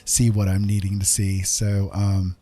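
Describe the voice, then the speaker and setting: This livestream host speaks in a low, dark monotone at an unhurried pace. He rambles and thinks out loud, chatting casually with his viewers while he plays, game music in the background.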